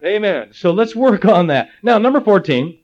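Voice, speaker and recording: The sermon comes from a middle-aged man from Ohio, high-pitched and moderately paced, who tells animated stories sprinkled with jokey asides. The recording quality is lo-fi and a little dull.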